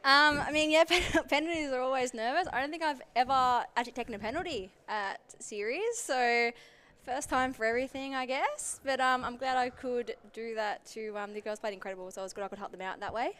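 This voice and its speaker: A woman's voice: high voice, fairly quick, fairly bright tone, clear, resonant tone. Modest woman player after the match. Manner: modest, hesitant, many ums. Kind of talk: post-match interview.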